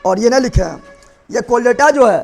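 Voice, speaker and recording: A young male teacher, giving a classroom biology lecture and drilling students with repeated quick questions. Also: extremely high pitch, lively intonation, creaky, faint music behind.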